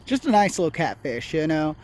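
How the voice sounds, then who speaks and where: Excitable high-voiced man fishing at night. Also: fairly quick. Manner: excitable, swears a lot, laughs often. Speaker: angler filming his night fishing. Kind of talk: casual fishing vlog chat. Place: riverbank at night, outdoors.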